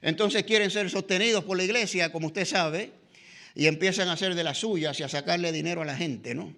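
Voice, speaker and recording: A man's voice: sits high, fairly quick, vocal fry, pushed and bright. A middle-aged man with a Latin American Spanish accent teaching a church discipleship class, conversational, often tagging lines with "¿verdad?" and "eh". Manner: conversational, frequent "¿verdad?" and "¿no?" tags, filler "eh". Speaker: Bible teacher.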